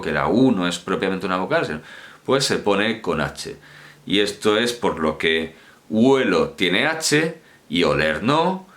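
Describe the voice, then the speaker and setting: Male Spanish lecturer, deep voice, very animated delivery, brisk dismissive asides. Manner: lively, emphatic, demonstrates sounds aloud, dismissive asides. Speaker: university lecturer. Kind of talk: spoken grammar lecture.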